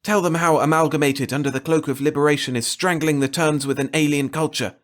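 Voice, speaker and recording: A man's voice: a little high, steady tone, a little fast, pitched above the performer's own voice, close to an everyday voice. A man voicing a taunting telepathic voice with an insistent, mocking manner. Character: mocking telepathic voice inside a man's head.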